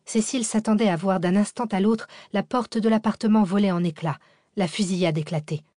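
A woman narrating an audiobook in an even, dramatic storytelling manner, on a close studio mic. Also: medium pitch, fairly quick, dry recording. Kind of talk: scripted narration.

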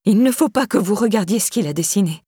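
A woman's voice: medium pitch, lively intonation, fast, dark tone, husky, no room sound, studio quality. A woman voicing a timid, prim older woman who speaks in a pinched, frightened tone. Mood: panicked. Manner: clipped, pinched tone.

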